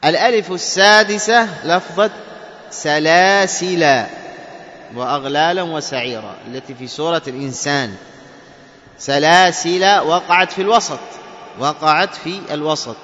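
A man teaching Quran recitation rules, explaining step by step, asking and answering his own questions, and chanting verses slowly as examples. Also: on the high side, bright, forceful tone. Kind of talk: tajweed lesson with chanted examples. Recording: dull reverberant hall recording with faint noise.

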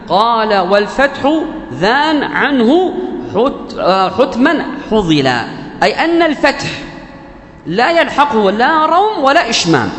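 A man lectures on recitation rules, putting questions to his listeners and then answering them himself. His voice sits high and swings widely in pitch as he works through each point. The sound carries a long reverb from a large hall, with a faint wash of ambience behind it. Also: fairly bright tone, a little hiss or hum. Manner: asks questions and answers them himself, repeating key terms; intones quoted verse lines slowly. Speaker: Quran recitation teacher. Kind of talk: classroom lecture explaining a verse text.

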